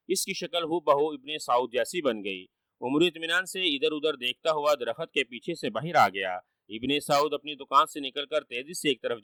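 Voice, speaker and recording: A man narrating a children's story in a steady, measured manner, recorded on a distant dry mic. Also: a little high, no echo.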